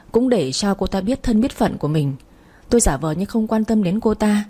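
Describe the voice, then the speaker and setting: A woman narrating a romance story in the first person, in a steady, conversational way. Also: mid-range voice, slightly rough.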